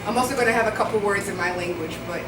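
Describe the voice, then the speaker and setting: A woman's voice: medium pitch, racing, noisy background. A woman in her twenties from Rwanda, performing spoken word poetry live with an earnest, rhythmic delivery that builds through repetition. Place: indoor live venue. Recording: echoey room, voice from far off, music behind.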